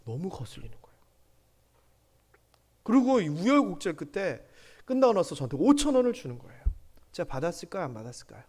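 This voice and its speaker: A man's voice: sits high, sing-song, fast talker, a little mellow. A man in his forties preaching a sermon in a church, telling stories with animation, asking the congregation questions and dropping to whispered asides. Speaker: pastor. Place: church sanctuary.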